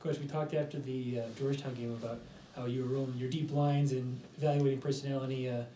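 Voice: medium pitch, level tone, fast, mellow, roomy sound, far from the mic, a little hiss or hum, rough recording. A reporter asking a coach questions at a press conference, hesitant with fillers.

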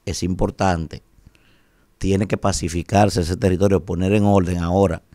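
A man's voice: low-pitched, level tone, normal speed, mellow, no room sound, clean studio sound. A man in his forties with a Dominican Spanish accent, giving emphatic, rhetorical opinion commentary on the radio and asking "¿verdad?" again and again. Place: radio studio, indoors. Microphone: studio mic on a boom arm.

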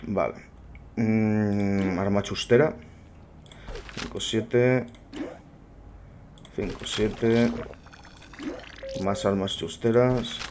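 A man's voice: lowish voice, steady tone, drawn-out words, long pauses, a little mellow, a little hiss or hum. A young man muttering wry commentary to himself while playing a game. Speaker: gameplay streamer. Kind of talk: casual gameplay commentary.

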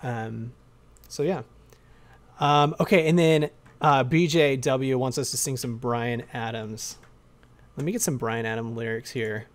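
A man with a hoarse voice chatting casually on a live stream, rambling and reading chat aloud. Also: mid-range voice, unhurried.

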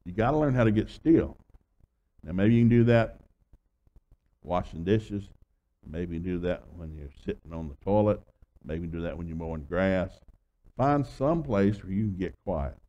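A man in his sixties preaching as a guest minister, telling homespun stories with acted-out dialogue and swinging between loud and hushed delivery. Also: low-pitched, animated, normal speed, pauses often, lo-fi sound. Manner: folksy storytelling with acted dialogue. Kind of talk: sermon.

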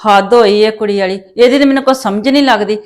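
A woman's voice: mid-range voice, fast. A woman with a Punjabi accent playing a nagging, scolding mother in a family drama. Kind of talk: rural family drama acting.

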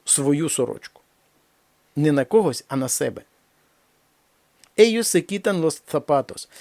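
Man teaching a language lesson, fairly high gravelly voice, slow careful examples, dry close sound. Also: darkish tone, no echo. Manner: slow, deliberate reading of examples, then explains. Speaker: Spanish teacher.

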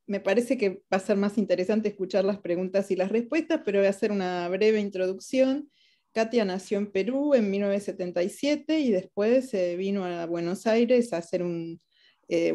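Argentine woman, moderator, mellow tone, thoughtful delivery. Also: medium pitch. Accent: Argentine Spanish. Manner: thoughtful, hesitant, uses fillers like "este". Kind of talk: introducing an author. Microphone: video call.

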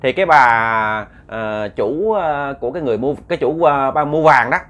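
A man's voice: mid-range voice, moderate pace, fairly bright tone, dull audio. Chatty male storyteller. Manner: chatty, repeats words, addresses listeners directly. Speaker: ghost-story narrator. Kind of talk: casual spoken storytelling.

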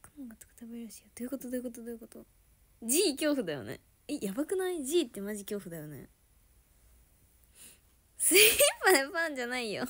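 Giggly woman streamer with a lively voice. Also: on the high side, very fast. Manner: giggly, laughs often, drops into soft murmurs. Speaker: idol livestreamer chatting with viewers. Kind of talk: casual livestream chat.

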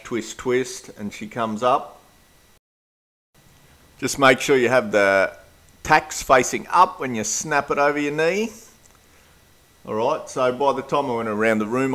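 A man's voice: medium pitch, a little slow, fairly bright tone. A middle-aged man with an Australian accent, narrating his house renovation in a practical, matter-of-fact way. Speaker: DIY renovator. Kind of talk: casual renovation vlog narration.

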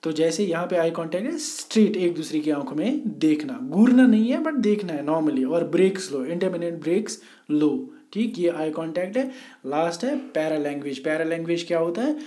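Male teacher, high voice, mellow tone, patient lecture delivery. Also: expressive. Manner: explains slowly, often asking "theek hai?". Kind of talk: classroom lecture. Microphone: voice only, no camera.

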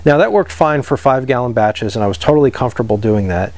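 A man in his thirties explains equipment choices in a steady, practical way, like a shop owner teaching customers. His voice sits at an ordinary middle pitch. The sound is dry, with no room echo. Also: quick pace. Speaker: homebrew equipment seller. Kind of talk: instructional product talk to camera. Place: indoor parts store room with shelves.

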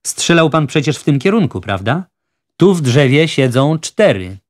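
A man's voice: on the high side, very animated, normal speed. A proud, reserved young hunter, as a man reads him. He answers curtly, firm but polite, in a storybook reading.

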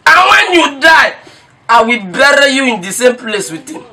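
A man with a Nigerian accent playing a loud, mocking village drunkard in a film. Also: very high voice, very animated, moderate pace, slight background noise, full character voice. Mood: taunting. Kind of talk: film acting. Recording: music playing behind.

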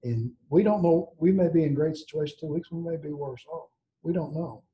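A man's voice: a little high, dull audio. A man speaking earnestly on a video call in an office, often restarting his sentences. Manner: earnest, halting, many restarts. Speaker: school district director. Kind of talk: board meeting remarks.

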